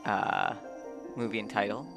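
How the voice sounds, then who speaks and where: A man with a squeaky voice giving casual, self-deprecating commentary while streaming a game. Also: expressive, measured pace, vocal fry, over music. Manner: self-deprecating, hesitant with fillers.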